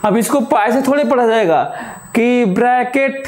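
Male physics teacher, classroom lecture, slow deliberate delivery, roomy echo. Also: very high voice, darkish tone. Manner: explains by repeating examples aloud, drawn-out pauses; dictates notes slowly.

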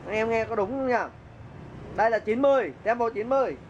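High-voiced man teaching keyboard. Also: quick pace, lo-fi sound, slight background noise. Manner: chatty, counts beats aloud and hums melodies while playing. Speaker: music teacher. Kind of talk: casual keyboard lesson. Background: keyboard playing.

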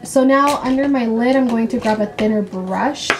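A young woman chatting excitedly and quickly through a casual makeup vlog at home. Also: a little high, noisy background. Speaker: vlogger.

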